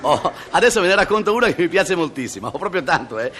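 Lively man telling jokes on radio. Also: high-pitched, fast talker, slight background noise. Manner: lively, laughs at own jokes, acts out voices. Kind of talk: radio joke-telling monologue.

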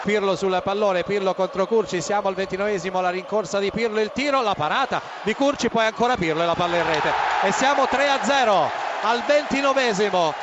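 Un uomo che fa la telecronaca di calcio, con chiamate dei gol affannate, urlate e prolungate. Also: male voice, sits high, dull audio. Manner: breathless, shouted, drawn-out goal calls. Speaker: football commentator. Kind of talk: Italian live goal commentary. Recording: noisy stadium feed with loud crowd. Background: stadium crowd noise.

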